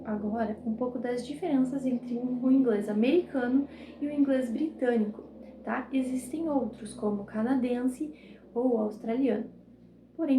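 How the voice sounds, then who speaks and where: A woman's voice: on the high side, warm tone, slight background noise. Brazilian teacher woman, echoey room. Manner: clear, didactic, ends phrases with "tá?". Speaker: English teacher. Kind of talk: recorded classroom lesson.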